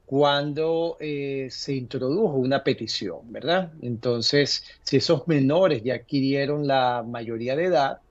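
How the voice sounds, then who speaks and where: A man answering viewers' legal questions in a live advice segment, talking haltingly with many fillers and restarts. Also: medium pitch, no room sound, lo-fi sound.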